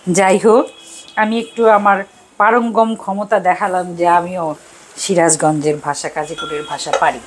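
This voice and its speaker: A woman's voice: fairly low pitch, fairly even intonation, moderate pace, husky, rough recording. An older woman from Bangladesh hosting a cooking show, chatting in a rambling, casual way and chuckling often as she cooks in a home kitchen. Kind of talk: casual chat while cooking. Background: faint sizzle of frying.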